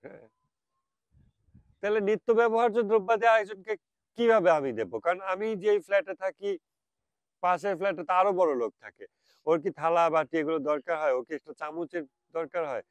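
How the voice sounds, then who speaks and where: A man with a Bangladeshi Bengali accent talks over a religious and social theme at a reflective pace. His voice sits a little high for a man, and the recording is dry and close. He drops into drawn-out English phrases now and then. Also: smooth, dry recording. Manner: mixes English phrases, stretches them out slowly. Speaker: speaker.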